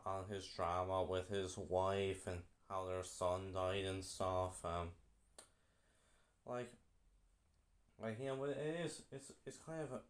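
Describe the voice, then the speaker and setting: A young man giving a casual film review, halting and often repeating himself. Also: low voice.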